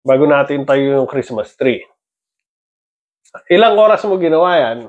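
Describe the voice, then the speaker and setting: A man's voice: on the high side, lively intonation, normal speed, narrow, tinny audio. A middle-aged father filming a casual family vlog, playful and teasing, often laughing. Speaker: father and vlogger.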